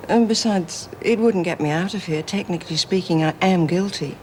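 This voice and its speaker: A woman's voice: lowish voice, normal speed, a little mellow, slight background noise, close to an everyday voice, poor audio. Actress as wistful, resigned woman prisoner. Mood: resigned, pained. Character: resigned, self-sacrificing female prisoner. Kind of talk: television drama acting.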